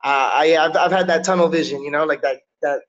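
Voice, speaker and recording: In a relaxed webcam interview from a small room, a Miami-born MMA fighter in his thirties talks briskly and steadily, filling gaps with "yo" and "you know what I'm saying." His pitch is high for a man, and the audio comes through slightly dull and lo-fi.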